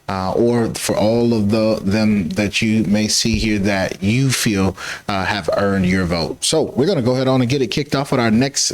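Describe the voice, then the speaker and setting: A man's voice: mid-range voice, slight background noise, rough recording. A man hosting a candidate forum, urging viewers to vote and handing over the mic, with fillers and repeated words. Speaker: show host.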